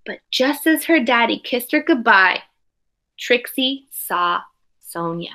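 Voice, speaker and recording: A woman with a fairly high, bright voice reads a children's picture book aloud. She is expressive and teacherly, pausing the story to explain and ask questions as if to small children. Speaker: teacher reading aloud to young pupils.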